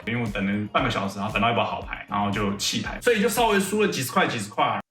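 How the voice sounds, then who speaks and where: A man's voice: lowish voice, big pitch swings, racing, pushed and bright, echoey room, recorded from a distance, soft background music. A man talking as a chatty poker vlogger, explaining things casually and posing rhetorical questions. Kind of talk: casual vlog recap with explanation.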